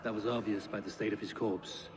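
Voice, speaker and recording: Actor voicing a calm, grim Norse leader. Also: male voice, fairly low pitch, big-room sound, close to an everyday voice. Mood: steady. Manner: calm, measured, matter-of-fact. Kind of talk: video game dialogue.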